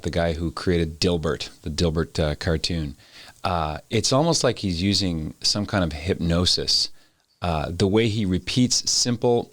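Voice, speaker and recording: A man hosting an interview, speaking in a measured, reflective way with frequent pauses. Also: sits low, dry recording. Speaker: host. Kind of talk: interview conversation.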